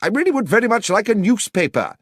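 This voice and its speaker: A man's voice: sits high, sing-song, fast talker, dry recording, clean studio sound, pitched above the performer's own voice. A man voicing a mild, genial doctor and loyal companion in an audiobook, with a British accent and polite manner. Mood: calling out, plaintive.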